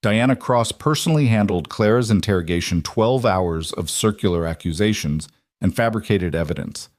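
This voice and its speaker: A man narrates a dramatic story in an even, measured manner. His voice sits on the low side. The recording is close and dry, with no room sound. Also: dry recording.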